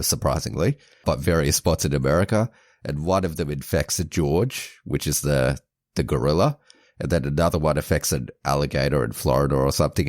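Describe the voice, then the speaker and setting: Chatting on a podcast, a man whose voice is extremely deep and low fumbles through a film's storyline, repeatedly restarting and correcting himself. As co-host, he's heard up close in a dry recording with no surrounding room.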